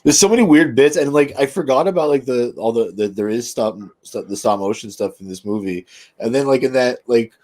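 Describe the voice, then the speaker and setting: A man's voice: mid-range voice, fairly quick, a little mellow. A man co-hosting a film podcast in casual chat, rambling with lots of fillers and restarts and casual swearing.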